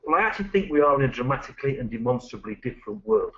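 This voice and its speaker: A middle-aged British man, a management consultant, presenting a business webinar with lively, anecdotal, punchy delivery. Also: medium pitch, very fast. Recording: dull lo-fi recording.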